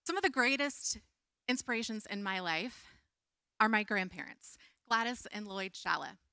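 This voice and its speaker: A woman's voice: medium pitch, animated, normal speed, bright, forceful tone, no echo, studio quality. A woman speaker on a conference stage telling a heartfelt personal story with a light touch.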